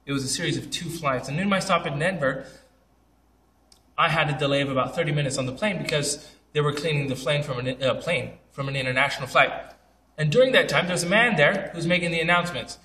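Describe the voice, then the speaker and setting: A man's voice: fairly high pitch, fast talker, sharp tone, reverberant, recorded from a distance. A young man telling funny travel stories in a casual, joking, self-deprecating way, talking straight to camera. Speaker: vlogger.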